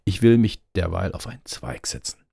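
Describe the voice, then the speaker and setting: A man voicing a small, cheeky male sparrow with a shrill, taunting delivery in a fairy tale reading. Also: big pitch swings, moderate pace, gravelly, warm tone, husky, no echo, clean studio sound, exaggerated voice.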